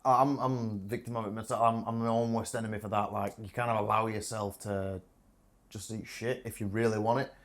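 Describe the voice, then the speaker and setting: A young man with a fairly low voice talks bluntly in casual chat. He swears freely and pokes fun at himself. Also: level tone, fairly quick. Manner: blunt, sweary, self-deprecating. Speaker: guest.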